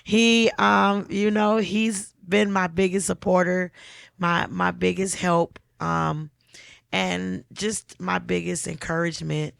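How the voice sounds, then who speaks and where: A woman's voice: fairly low pitch, level tone, slow, gravelly, no room sound, studio quality. A woman, a singer and talent show winner, chatting animatedly as a podcast guest and laughing often. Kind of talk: casual interview chat.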